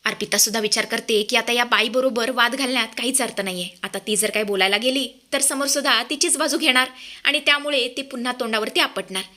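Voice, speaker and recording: A woman tells a TV serial's plot as a dramatic recap, calling out to her viewers as she goes. Her voice is bright and fairly high, lively and engaging. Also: fast. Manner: addresses viewers directly, lively.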